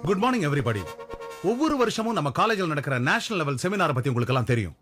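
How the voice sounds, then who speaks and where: An actor playing an energetic male college lecturer who talks briskly to his class. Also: on the high side. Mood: urging. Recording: film soundtrack with music.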